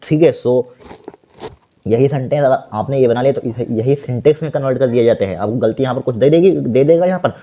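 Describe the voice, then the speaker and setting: A man runs an exam-prep grammar lesson in a dark, mellow voice. He spells out answers word by word as he writes them. He keeps asking the class what comes next, then answers himself. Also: medium pitch. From India. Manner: repeats words slowly while writing, asks and answers himself. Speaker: teacher.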